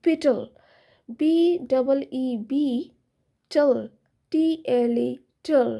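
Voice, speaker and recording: A woman, a teacher hosting a children's English lesson. She speaks directly to the kids in a friendly way, spelling words letter by letter and repeating them slowly. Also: sits high, steady tone, warm tone. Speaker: teacher and channel host.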